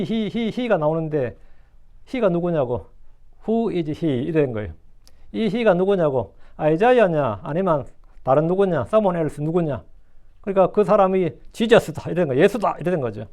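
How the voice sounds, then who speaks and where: A man's voice: high-pitched, darkish tone. A male pastor preaching a sermon, repeating his phrases, asking rhetorical questions and dropping English phrases into his talk.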